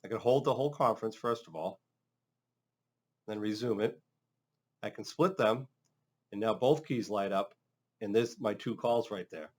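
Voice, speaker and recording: A man's voice: on the low side, normal speed, long pauses, a little mellow. A man working as a trainer, narrating an instructional demonstration in a casual, step-by-step way. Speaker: phone system trainer.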